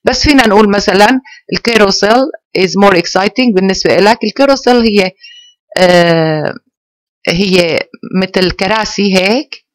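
A teacher giving an online English lesson to pupils, slowly spelling out English phrases. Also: medium pitch, dry recording.

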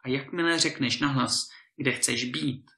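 A man voicing a huge, boastful male giant lord in a storybook reading, with a booming, thundering delivery. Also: vocal fry, bright, forceful tone. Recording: roomy echo.

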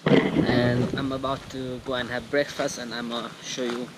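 A young Nepali travel vlogger walks around a mountain valley and a small shop, chatting casually to an action camera held at arm's length. His mid-range voice is flat and at normal speed, full of fillers and restarts, and the outdoor camera mic picks up loud background noise.

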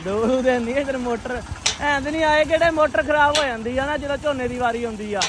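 A man's voice: extremely high pitch, fairly quick. A young man with a Punjabi accent chatting casually and expressively, teasing and repeating his phrases as he vlogs outdoors. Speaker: vlogger. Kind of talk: casual chat while vlogging farm work. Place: outdoors on a farm. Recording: noisy outdoor recording with engine hum.

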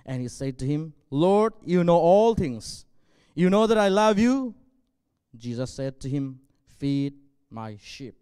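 A man in his forties from northwest Burma, a native Zomi speaker, preaching a sermon in an earnest, measured way with frequent pauses, speaking into a handheld mic on a church stage. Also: a little high, big pitch swings, warm tone, clean tone. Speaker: pastor. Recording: long hall reverb.

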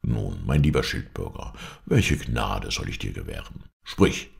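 A man voicing a calm, generous king speaking with measured dignity. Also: extremely low pitch, creaky, voice pushed down, full character voice. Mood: gracious.

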